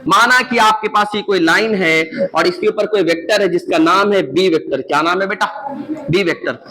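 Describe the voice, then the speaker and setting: A man's voice: high voice, moderate pace, pushed and bright, low-quality recording. A man teaching a physics lecture. He keeps asking his students questions and answering them himself, and he repeats the key points.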